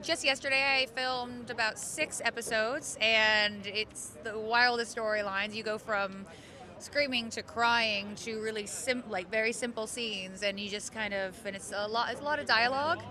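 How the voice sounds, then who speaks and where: A woman's voice: on the high side, steady tone, normal speed, sharp tone. A woman, an actress, talking casually in an interview. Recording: music behind the voice.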